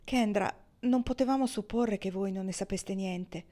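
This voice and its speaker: A woman's voice: medium pitch, normal speed, mellow, close to an everyday voice. A woman voicing a big, friendly, bearded male gold prospector in an audiobook, earnest and incredulous. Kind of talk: audiobook reading.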